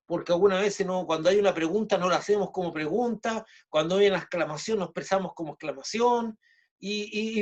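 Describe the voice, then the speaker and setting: A man preaching a sermon, speaking in short halting phrases with many restarts and fillers. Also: sits high. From Chile.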